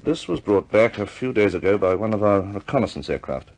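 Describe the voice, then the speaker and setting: In the manner of a 1950s war picture, a male actor gives a measured, deliberate briefing as a serious, businesslike senior RAF-style officer. His voice sits fairly low with a darkish tone, and his delivery is very animated.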